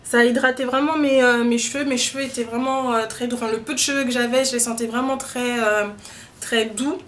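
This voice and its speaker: A woman's voice: on the high side, steady tone, brisk, fairly bright tone. A young woman talking casually to camera about her hair routine, chatty and full of hesitations and filler sounds. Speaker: beauty vlogger. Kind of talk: casual hair-care vlog.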